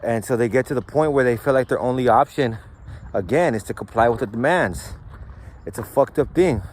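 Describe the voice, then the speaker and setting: A man's voice: medium pitch, fairly quick. A man hosting a show, speaking in a casual storytelling way that is slangy and profane, with lots of "like" and "right?". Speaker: host.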